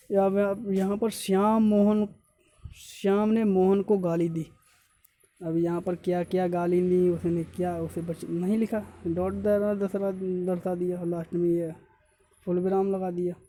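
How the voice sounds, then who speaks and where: A man's voice: sits high, fairly even intonation, a little slow, warm tone, slight background noise. A male teacher giving an exam-prep grammar lesson, repeating points and correcting himself often as he explains step by step.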